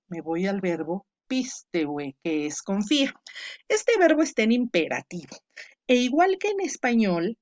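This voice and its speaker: A woman's voice: lowish voice, dull audio. A woman giving an online grammar lesson, explaining patiently and calling on students by name. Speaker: teacher. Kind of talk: online lecture on Greek grammar.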